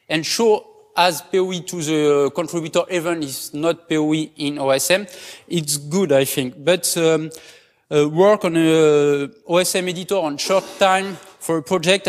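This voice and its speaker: Guy at a conference, slightly high voice, lots of uh, echoey hall. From France. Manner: hesitant non-native English, frequent fillers. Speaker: conference speaker. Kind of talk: conference talk and Q&A. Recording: long hall reverb.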